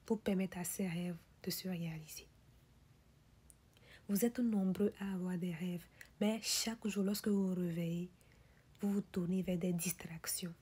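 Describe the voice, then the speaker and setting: A woman delivering a motivational speech in a whispery, breathy voice, pressing the listener with insistent rhetorical questions and repeated refrains. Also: medium pitch, mellow. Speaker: motivational speaker.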